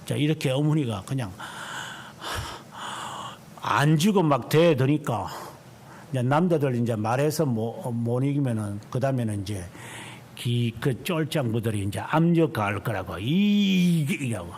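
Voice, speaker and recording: Man over 50, pastor, church sermon, emphatic, slow stress on key words, lively swinging pitch. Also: a little hiss or hum. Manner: emphatic preaching, drawing out key words slowly.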